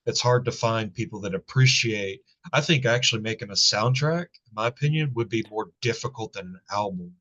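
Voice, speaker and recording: A man with a natural baritone voice chatting casually as a musician guest, relaxed and quick to laugh. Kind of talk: casual conversation.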